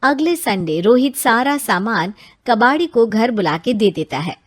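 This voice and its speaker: A woman narrating a children's bedtime story in a clear, measured way. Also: fairly high pitch, animated, no echo, studio quality.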